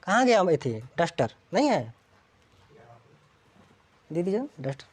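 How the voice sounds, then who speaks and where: A woman's voice: on the low side, very animated, measured pace, a little mellow, husky. A woman teaching English grammar to a classroom, constantly checking whether students follow.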